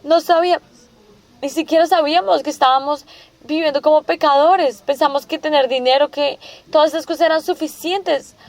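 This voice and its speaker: A woman preaches a sermon in a notably high voice. She keeps asking her listeners rhetorical questions. She restates each point several times before moving on. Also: fairly even intonation, normal speed.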